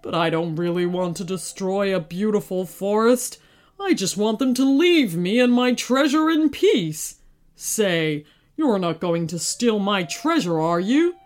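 A woman voicing a huge, grumpy and lonely male dragon, speaking slowly and gruffly. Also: mid-range voice, expressive, lightly acted. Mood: sad.

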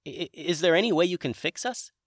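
A man's voice: fairly high pitch, expressive, fairly quick, no room sound, clean studio sound, voice pushed up. A man voicing an eager boy turned into a dragon, talking earnestly and a bit hesitantly.

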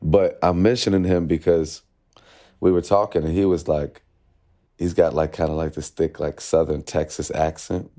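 A man's voice: rumbling low, steady tone, moderate pace, warm tone. A man, a musician being interviewed, talking things through loosely and reflectively in casual chat. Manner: reflective, loose, says "you know" often. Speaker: guest musician.

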